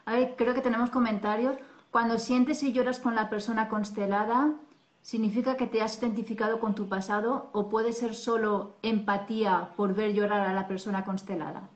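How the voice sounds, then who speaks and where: A woman's voice: a little high, steady tone, moderate pace. Woman host with dull lo-fi sound. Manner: brief affirming backchannels. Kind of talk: interview hosting, reading viewer comments.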